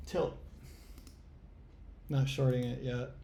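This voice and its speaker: A man's voice: medium pitch, normal speed, heavy background noise. A man talking to himself while playing a trading game, muttering and sighing in exasperation, swearing at the chart as he commentates live. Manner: muttering exasperated self-talk, swearing, sighs. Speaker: trading channel host.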